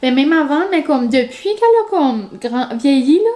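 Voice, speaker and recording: A woman chats to her camera at home in a high, bright-toned voice. She rambles casually, piling on fillers as she goes. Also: sing-song, normal speed. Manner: chatty and rambling, many fillers. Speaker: vlogger. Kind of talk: casual vlog chat. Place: home, indoors.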